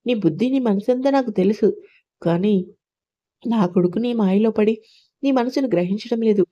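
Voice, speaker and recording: A woman's voice: fairly high pitch, normal speed, lightly acted. A woman voicing a bitter, suspicious older mother-in-law who rebukes her daughter-in-law, on a dull lo-fi recording. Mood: bitter accusing. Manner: accusing, sharp rebukes.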